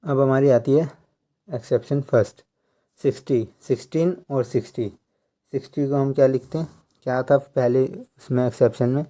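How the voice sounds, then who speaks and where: A man giving a slow tutorial, counting out numbers one by one and explaining how each is read. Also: mid-range voice, steady tone, dark tone. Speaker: language teacher.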